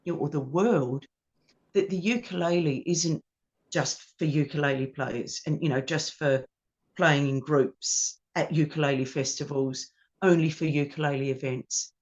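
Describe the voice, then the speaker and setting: A woman with an Australian accent, a ukulele teacher and performer, telling lively anecdotes in an interview and acting out the quotes. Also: low voice, a little slow. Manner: animated anecdotes with acted-out quotes. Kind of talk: storytelling in an interview. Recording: dull lo-fi sound.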